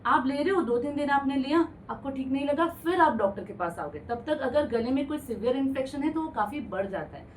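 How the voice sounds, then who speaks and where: Her fairly high voice brisk and almost pause-free, a woman ENT doctor patiently and plainly explains health matters on a studio radio interview, slipping English medical terms into Hindi. She's calm, sounds a bit far from the mic, and a faint hiss runs underneath.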